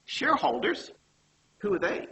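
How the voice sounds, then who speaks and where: A man's voice: normal speed, sharp tone, a little hiss or hum, rough recording. A man giving a conversational university economics lecture, asking the class questions and correcting himself as he goes.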